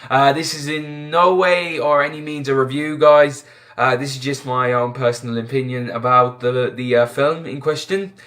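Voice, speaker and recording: A man's voice: medium pitch, fairly even intonation, moderate pace, a bit bright. A young man from Ireland talking casually about films on his vlog, chatty and full of fillers and restarts. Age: young adult. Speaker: film vlogger. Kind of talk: casual film retrospective.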